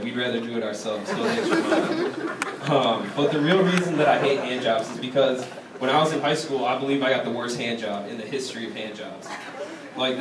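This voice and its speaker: Young adult male stand-up comic, American, casual talky delivery, recorded from afar with clear background noise and audience laughs. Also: mid-range voice. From Chicago, United States. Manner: casual, conversational delivery with frequent "like". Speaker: stand-up comedian. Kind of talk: stand-up comedy set. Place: live stand-up show in a university venue. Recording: echoey, distant, noisy live room recording. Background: crowd laughter.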